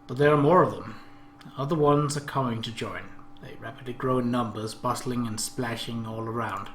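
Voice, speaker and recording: A man with a mid-range, slightly bright voice speaks at a moderate pace in a roomy, echoing space with faint background noise. Hosting a let's play, he reads a visual novel aloud and adds his own commentary.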